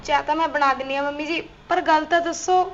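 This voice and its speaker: An actress playing a worried young daughter-in-law with a Punjabi accent in a short film. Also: female voice, high voice, steady tone, fast talker, dull audio. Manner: worried, questioning.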